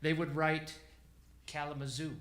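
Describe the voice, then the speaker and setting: A man's voice: on the high side, little pitch movement, unhurried, a bit bright. A man chatting casually between songs at a library show, rambling and correcting himself as he goes. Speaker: band member introducing songs. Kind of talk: casual stage banter. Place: library performance room. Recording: echoey room with live music.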